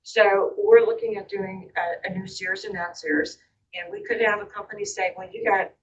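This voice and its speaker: A woman's voice: mid-range voice, steady tone, normal speed. A woman speaking in a meeting discussion, thinking aloud in a roundabout way with frequent "you know". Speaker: committee member asking questions. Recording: distant, dull, faintly noisy meeting audio.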